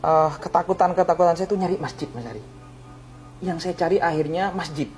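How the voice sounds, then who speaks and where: A man, a religious teacher, recounting a near-death experience in an interview, his voice swinging between hushed and loud, pleading tones. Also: on the high side, brisk, faint music behind. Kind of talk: emotional personal storytelling in an interview.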